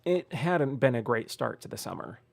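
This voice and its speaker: Creaky, expressive gamer reading aloud. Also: medium pitch, normal speed, slight background noise. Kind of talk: casual game playthrough with dramatic read-aloud narration.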